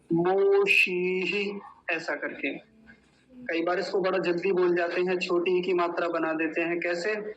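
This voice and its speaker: A man teaching Sanskrit mantra pronunciation in an online class, chanting slowly and deliberately syllable by syllable. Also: high-pitched, fairly bright tone, lo-fi sound, a little hiss or hum.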